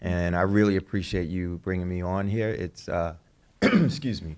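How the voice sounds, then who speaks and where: A man appearing as a guest, speaking earnestly and a little haltingly to his cousin. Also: low-pitched, a little mellow.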